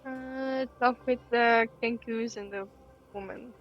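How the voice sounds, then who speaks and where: A woman's voice: on the high side, steady tone, takes it slowly, highs cut off, faint music behind. A woman speaking casually and tentatively as a player in a tabletop game. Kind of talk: casual, tentative tabletop role-play chat.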